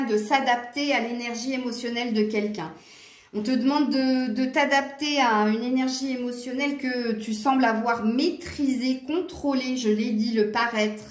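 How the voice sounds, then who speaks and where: Woman, southern French accent, chatty tarot reader, giggly, slightly high voice, echoey room. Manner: chatty, giggly, talks straight to viewers. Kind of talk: casual tarot reading for viewers.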